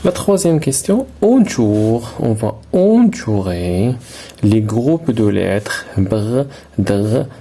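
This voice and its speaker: A man leading a primary school lesson. His voice is mellow and dark, and he moves very slowly. He sounds out each word deliberately and repeats it. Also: fairly low pitch, very animated. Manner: slow, deliberate, repeats words and syllables. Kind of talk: slow classroom lesson.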